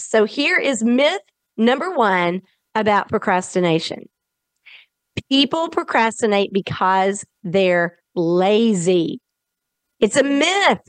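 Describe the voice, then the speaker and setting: A woman's voice: medium pitch, clear, resonant tone, no echo. A woman with a Southern accent hosting a self-help podcast, earnest and encouraging, with chatty asides to her listeners. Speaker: host.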